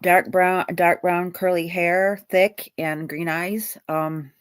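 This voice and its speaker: A woman hosting a live psychic reading, talking in a halting way and searching for words. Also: lowish voice, level tone, clean tone. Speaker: psychic medium host.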